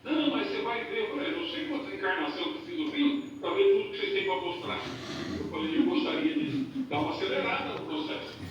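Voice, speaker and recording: Man, high and lively voice, far from the mic, muffled echoey hall. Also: fast, a little hiss or hum. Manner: animated storytelling with repeated words and restarts. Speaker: participant in a group discussion. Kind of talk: casual personal account.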